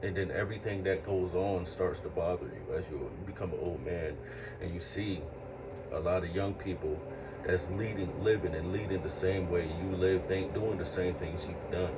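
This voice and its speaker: A man in his late thirties with a very low voice shares life lessons in an earnest, reflective monologue, often repeating himself as he works through a thought. He is far from the mic, and a steady hum of air conditioning and passing vehicles is clearly audible behind him.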